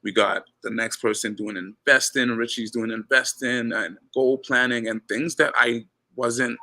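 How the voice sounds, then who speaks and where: A man from Ghana who coaches basketball talks casually as an interview guest, his medium-pitched voice unhurried. He stays relaxed, repeats himself word by word, and notes that his voice is loud.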